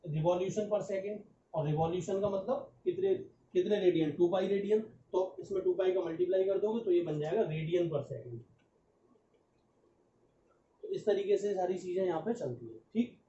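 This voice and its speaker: A man's voice: high-pitched, normal speed, warm tone. Echoey distant physics teacher, man. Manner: step-by-step explaining, asking rhetorical questions to students; mixes English phrases into Hindi. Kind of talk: exam-prep lecture. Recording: echoey, distant, muffled lo-fi audio with faint background noise.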